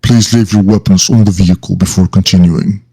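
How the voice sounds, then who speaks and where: A man's voice: low voice, a little fast, breathy edge, no room sound. A man doing a cold metallic war-mech voice. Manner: flat, clipped machine announcement.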